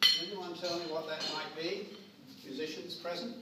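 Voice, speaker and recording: An older man delivers an informal memorial speech in a halting, digressive way. He is picked up from a distance in a very reverberant room, with clear background noise. His delivery is unscripted and wanders between asides. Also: fairly high pitch, fairly even intonation. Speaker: family member giving a speech at a memorial gathering. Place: large echoey room with a gathering.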